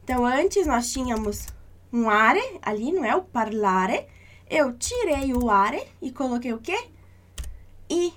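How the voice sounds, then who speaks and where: A woman with a high, light voice, teaching an online language lesson. She speaks patiently and reassuringly and slows down to repeat each example. Her tone stays calm and encouraging.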